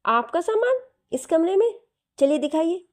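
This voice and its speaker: A woman voicing a lively, talkative young woman in a storybook reading. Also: high-pitched. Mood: accusing. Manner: chatty, quick to accuse.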